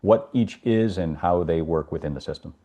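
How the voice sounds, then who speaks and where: Very deep mellow guy hosting a webinar q&a, kinda halting. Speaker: webinar moderator. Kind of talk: reading audience questions.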